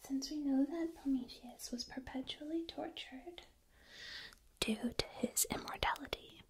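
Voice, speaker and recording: Slow, whispering ASMR woman. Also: high-pitched. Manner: soft, slow, deliberate whispering. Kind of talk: whispered ASMR analysis of a video game. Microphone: binaural microphone, ear to ear.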